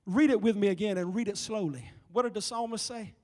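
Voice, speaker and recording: A man preaching a sermon as an evangelist, in a rhythmic style that swells from hushed lines to shouting. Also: high-pitched, fairly quick.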